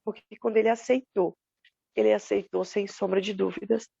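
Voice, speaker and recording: A grieving woman tells her church testimony in earnest, acting out the conversations and prayers she recalls. Her voice is dark and gravelly with a husky edge. The sound is dry, dull and lo-fi, as over a call. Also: mid-range voice, steady tone, moderate pace, no echo. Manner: earnest, retelling dialogue with quoted prayers. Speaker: church member giving a testimony. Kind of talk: emotional personal testimony.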